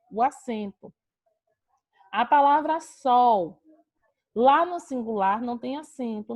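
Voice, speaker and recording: A woman from Brazil teaches a grammar lesson online, her voice sitting a little high. She explains each rule patiently, posing a question and then answering it herself. The sound is that of a video call. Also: darkish tone, dull audio.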